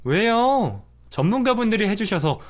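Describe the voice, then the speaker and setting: A man's voice: high voice, sing-song, normal speed, voice pushed up. A man voicing a young pregnant daughter-in-law in a radio drama story, polite but unyielding. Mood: calm firm.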